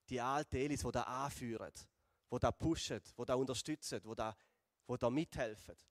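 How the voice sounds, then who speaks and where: A man with a Swiss German accent preaching a sermon and retelling a Bible story, slowing and going softer for emphasis. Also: medium pitch, no echo, studio quality, long reverb tail. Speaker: pastor.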